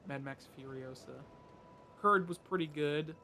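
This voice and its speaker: A man's voice: on the high side, unhurried, sharp tone. A man giving casual game commentary, wryly teasing his friend while explaining the game's mechanics. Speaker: co-host guiding the player.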